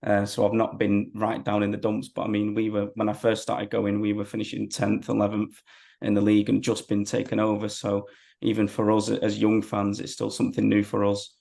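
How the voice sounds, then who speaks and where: A man's voice: lowish voice, completely flat delivery, a little fast, gravelly, mellow. A man, chatting casually as a football fan being interviewed.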